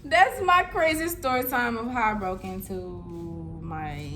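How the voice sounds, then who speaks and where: Animated young woman telling a storytime. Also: fairly high pitch, measured pace, soft background music. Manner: animated, laughing, talks straight to viewers. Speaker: vlogger. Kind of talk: casual storytime vlog.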